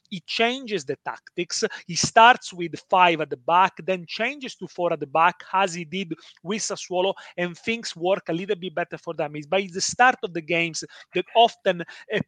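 An energetic man talks through football betting picks as the resident expert, restarting his sentences as he goes. His voice is high and bright with a forceful edge. The recording is dry and close. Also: no echo. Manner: energetic, talkative, restarts often. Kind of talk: expert analysis in casual chat.

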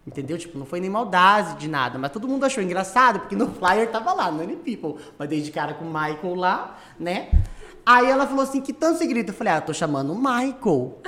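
A woman from central-west Brazil telling a story as a guest in a casual chat, animated and laughing, acting out other people's voices. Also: medium pitch, fast. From Brazil, Mato Grosso do Sul.

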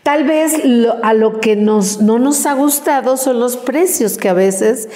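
A woman's voice: on the high side, slow, warm tone. A woman, a therapist co-hosting a casual podcast, chatting and acting out quoted voices. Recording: roomy studio with long reverb.

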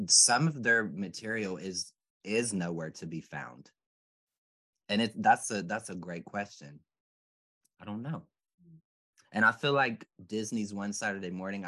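A man's voice: low-pitched, bright, forceful tone. A man in casual chat, talking things over in a rambling, reflective way with many fillers.

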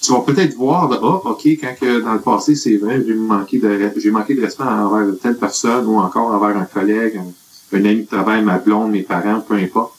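A man with a Quebec French accent gives earnest, rambling life advice in a casual group chat, using lots of fillers. His voice sits on the low side, with fairly even intonation and a fairly quick pace, and the recording quality is poor.

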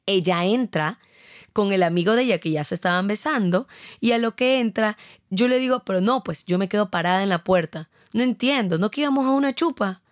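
A woman, co-hosting a casual chat and telling a story with lively acted-out dialogue. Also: mid-range voice, brisk, dry recording, clean studio sound. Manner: animated storyteller acting out quoted dialogue. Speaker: podcast co-host.

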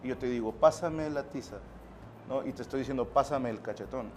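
A man's voice: mid-range voice, fairly quick, a little hiss or hum. A Mexican man hosting a casual interview, bantering crudely and swearing freely. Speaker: interview host.

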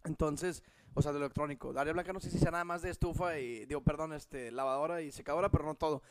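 A young man with a Mexican Spanish accent tells a story to a friend in a light, high voice. He laughs often and swears without a second thought. The sound is dry and close, with no room echo. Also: fast. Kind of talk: casual storytelling chat.

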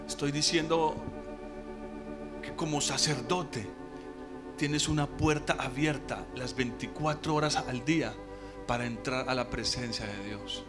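A man's voice: mid-range voice, unhurried, over music. A man preaching a sermon to his congregation, emphatic, drawing out key words and posing rhetorical questions.

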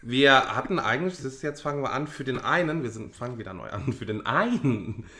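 A man's voice: medium pitch, animated, fairly quick, pushed and bright, slight background noise. A man co-hosting a podcast in casual banter, joking and laughing often as he rambles along. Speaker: podcast co-host. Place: living room of a house.

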